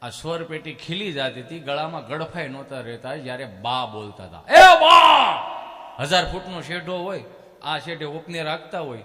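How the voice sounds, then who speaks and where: Kathiyawadi male stage comic, high ringing voice, animated delivery with loud calls, live hall reverb. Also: moderate pace. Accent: Kathiyawadi Gujarati. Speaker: stage comedian. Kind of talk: live folk humor storytelling.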